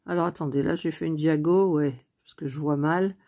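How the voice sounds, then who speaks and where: A woman chatting softly as she stitches at home, thinking aloud in a casual cross-stitch tutorial recorded on a phone on a stand. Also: deep voice, steady tone, normal speed. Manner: speaks softly near the phone. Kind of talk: casual craft tutorial chat.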